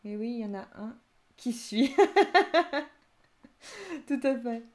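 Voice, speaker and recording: A young woman with a slightly high voice runs a live-streamed Japanese lesson. She talks in a lively, chatty way, laughing often as she reacts to viewers' answers. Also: moderate pace. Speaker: Japanese teacher.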